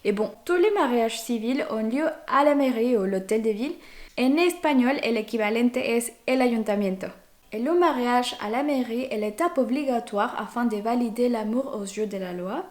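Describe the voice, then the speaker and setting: A young Mexican woman vlogs casually to her viewers, speaking with the Mexican accent of a native Spanish speaker. Her voice sits on the high side, animated and somewhat dark in tone, at a normal speed.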